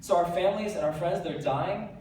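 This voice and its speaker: An American teenage boy gives a TEDx stage talk to a live audience, earnest, energetic and brisk, with light self-deprecating jokes and a voice sitting a little high. He sounds far from the microphone, with heavy echo filling the large hall and a faint hiss underneath.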